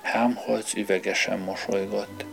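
A man narrating a story as an audiobook reader, in a measured storytelling manner, with music underneath. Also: fairly low pitch, little pitch movement, gravelly. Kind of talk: scripted narration.

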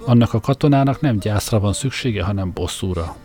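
A hard-edged Roman centurion speaks with a low, chilling calm, as a male narrator puts him on. He is middle-aged and cold, and he threatens without raising his voice. This is audiobook storytelling. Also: faint music behind, close to an everyday voice. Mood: stern.

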